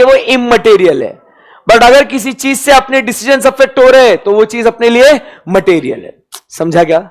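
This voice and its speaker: Male teacher, high-pitched, conversational lecturing with acted-out bits. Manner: chatty, mixes Hindi and English, keeps asking students if they understood; acts out dialogues and jokes with students. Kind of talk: classroom lecture.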